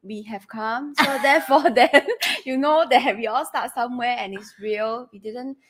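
A woman's voice: on the high side, moderate pace, fairly bright tone. A woman chatting casually as co-host in colloquial Malaysian or Singaporean slang English, dropping particles like lah and lor.

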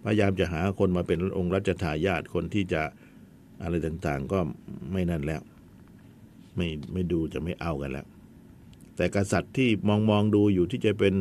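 A man's voice: low-pitched, moderate pace, a little mellow, slight background noise. A man teaching a history lesson in a chatty storytelling way, with asides to his students.

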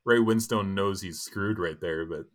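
A man's voice: low-pitched, normal speed. A young man co-hosting a podcast, chatting casually about a film with lots of fillers and restarts. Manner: rambling, many fillers and restarts. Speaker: podcast co-host.

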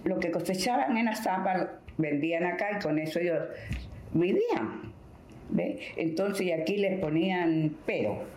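A woman's voice: fairly low pitch, unhurried, darkish tone, slight background noise. An older woman from Peru, recalling the past in a rambling, vivid oral-history interview. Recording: echoey room.

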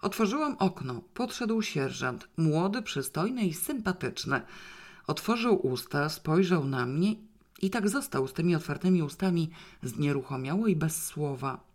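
A woman narrating a novel aloud in the first person, in a wry, lively storytelling manner. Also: sits low, normal speed. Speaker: audiobook reader.

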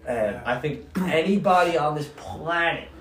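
A man's voice: fairly high pitch, expressive, unhurried, recorded from a distance. A young man chatting casually like a frat bro, full of slang and swearing. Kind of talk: casual chat. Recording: echoey room, off mic.

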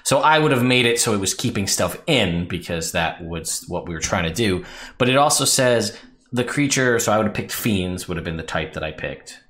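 A man at a tabletop game talks through a spell, reading its rules aloud in a chatty way. His voice sits a little low. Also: animated, moderate pace, a bit bright. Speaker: player. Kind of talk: tabletop role-play banter.

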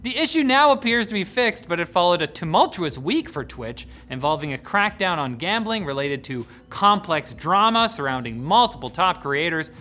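A tech news host reading scripted headlines with jokey, sarcastic asides, swinging from loud bursts to hushed mutters. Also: mid-range voice, very animated, moderate pace, hardly any pauses.

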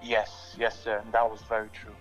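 A man from Ghana on a call, answering softly with amen and yes sir. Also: on the low side, monotone, normal speed, soft background music, low-quality recording. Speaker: caller.

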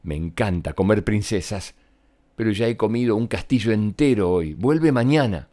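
A man voicing a boastful, greedy dragon in a children's storybook reading, speaking slowly and loudly. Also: lowish voice, expressive, close to an everyday voice.

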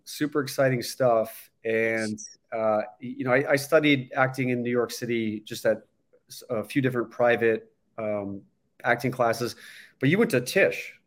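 A man hosting a casual interview, friendly and hesitant, with many fillers. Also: medium pitch. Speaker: interview host.

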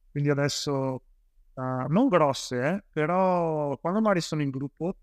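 A man's voice: mid-range voice, smooth, no echo, studio quality. A man from Italy, a police officer, telling his story as an interview guest in a rambling way with many fillers and restarts.

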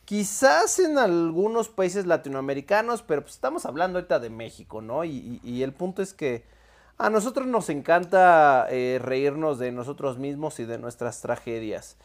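A man with a Mexican accent co-hosting a podcast in casual chat, slangy and quick to laugh. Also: fairly high pitch. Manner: laughs easily, slangy and animated. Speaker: podcast co-host.

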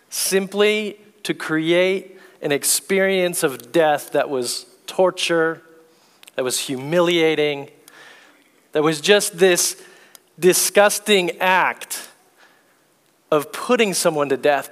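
A male pastor preaching a sermon slowly and deliberately, reading scripture aloud. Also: on the high side, long reverb tail. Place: church sanctuary.

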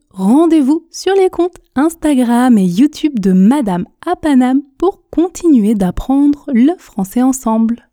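A woman hosting a French lesson podcast, calmly guiding listeners through pronunciation drills and repeating phrases patiently. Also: high voice, no room sound, clean studio sound. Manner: calm, patient, counts learners in and repeats phrases. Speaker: French teacher, podcast host. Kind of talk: pronunciation lesson, slow and articulated.

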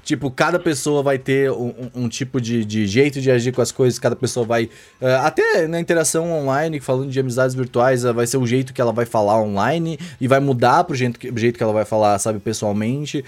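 A man's voice: medium pitch, brisk, hardly any pauses. A young Brazilian man hosting a casual group chat, slangy and rambling with lots of fillers. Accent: Brazilian Portuguese.

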